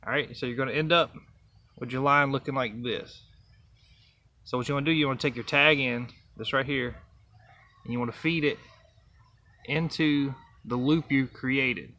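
A man's voice: mid-range voice, steady tone, moderate pace, long pauses, sharp tone. A young man, casually demonstrating a fishing knot outdoors, counting the steps aloud. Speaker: fishing channel host. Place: outdoors by trees and a truck. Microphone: camera close up, held near face.

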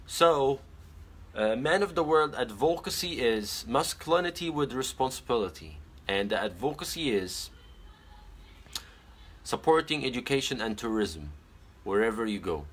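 On a phone live stream shot at arm's length, this young adult man, an Arabic-native pageant titleholder, answers viewer comments from his small bedroom with earnest advice and lots of filler pauses. His medium-pitched voice is animated and fairly bright, with a slightly rough edge.

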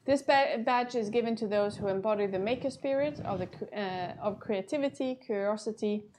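A middle-aged woman co-hosts from a studio desk in an upbeat, chatty way. Her voice sits mid-pitch, with a slight hiss underneath. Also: fairly quick, a little mellow. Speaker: hackathon co-host. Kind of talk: livestream hosting.

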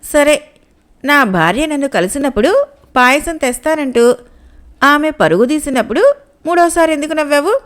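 A simple, pushy fisherman from a storybook, voiced by a woman reading the tale. He keeps pressing his questions and wants answers now, in a high, bright voice. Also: animated, normal speed, long pauses. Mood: insistent. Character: simple, demanding male fisherman, grown man.

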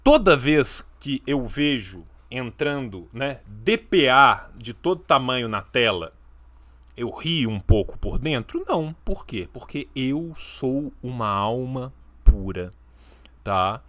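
A man's voice: mid-range voice, sing-song, slow pace, fairly bright tone. A Brazilian man in his thirties hosting a live reaction stream. He talks playfully and stresses his points with ironic asides, and his voice bounces up and down.

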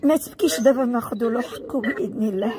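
High quick Moroccan woman, consoling. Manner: consoling, insistent. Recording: crowd noise behind.

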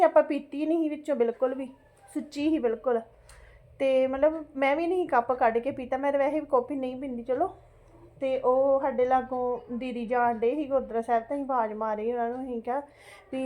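A middle-aged Punjabi woman, a home vlogger, tells her viewers a casual, chatty story in a high, soft-edged voice. Fretful and exclamatory, she keeps circling back over her points, repeating herself and tagging phrases with little questions to seek agreement.

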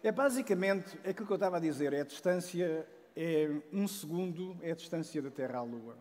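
A man's voice: fairly high pitch, a little fast. A man in his forties with a European Portuguese accent, giving a casual public science talk on a large auditorium stage through a headset mic, full of restarts and tag questions. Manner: animated, many restarts and "não é?" tags, joking asides. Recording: long hall reverb.

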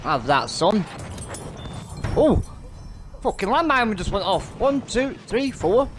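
A man giving excited, foul-mouthed commentary over his shooter gameplay, taunting enemies and laughing. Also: high voice, takes it slowly, noisy background. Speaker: gamer narrating his clips. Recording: gunfire and music behind the voice. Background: gunfire and music from the game.

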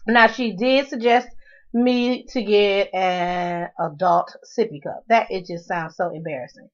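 A woman's voice: mid-range voice, steady tone, a little slow. A middle-aged woman vlogging casually to camera, frank and chatty, grumbling and laughing as she talks. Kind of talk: casual vlog talk to camera. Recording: dull lo-fi home video sound.

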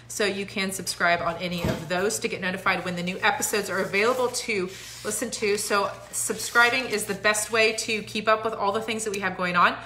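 A woman in her thirties talks into a phone at arm's length in her living room, hosting a live stream. Her voice is bright and forward, and her manner is chatty and encouraging, with lots of fillers. The room adds a noticeable echo. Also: medium pitch. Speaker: host. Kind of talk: casual live-stream talk. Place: home living room, indoors.

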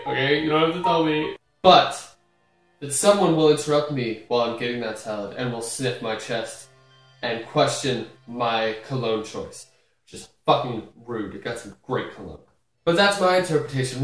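A man in his twenties hosting in a mock-mystical storytelling style, deadpan with dramatic pauses. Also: mid-range voice. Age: 20s. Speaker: host of a comedic dream diary video series. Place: small indoor room at home. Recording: echoey small room, distant mic.

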